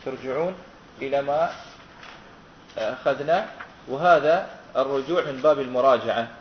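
A man's voice: medium pitch, normal speed, a little hiss or hum. A man teaching a class on Quran recitation, asking his students questions and repeating their answers back patiently. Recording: roomy, dull lo-fi classroom recording.

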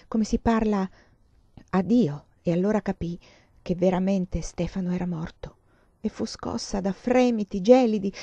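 Woman audiobook reader, expressive, mellow, dry close sound, dull lo-fi recording. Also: medium pitch, no echo. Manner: expressive, swelling with the drama. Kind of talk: reading a novel aloud.

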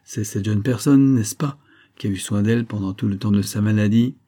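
A man voicing a stout, pompous army major who speaks with slow, false tenderness. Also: lowish voice, mellow, natural voice. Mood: coaxing. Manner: slow, coaxing, condescending.

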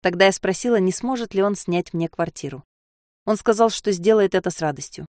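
A woman narrating a novel in the first person with a steady, measured reading. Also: mid-range voice, no echo, clean studio sound. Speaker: audiobook narrator.

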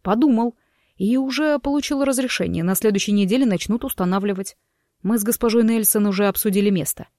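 A calm young husband with a gently teasing, even delivery, as a woman reads him in an audiobook. The voice sits at a middling pitch and is recorded dry and close, with no room sound. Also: a little fast, no echo, natural voice. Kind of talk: audiobook character dialogue.

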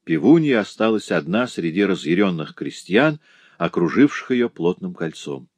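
A man reading a classic novel aloud as narrator, measured and even. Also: sits low, no room sound. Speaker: audiobook narrator. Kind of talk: scripted literary narration.

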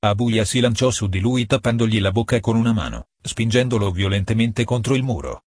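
A man reading a novel aloud as narrator, in a steady, measured way. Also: fairly low pitch, no echo, clean studio sound. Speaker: audiobook narrator. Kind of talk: scripted narration.

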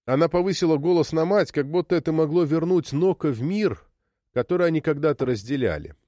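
A man reading a story aloud as narrator in an expressive storytelling delivery. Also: a little high, brisk, dry recording, clean studio sound. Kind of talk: scripted narration.

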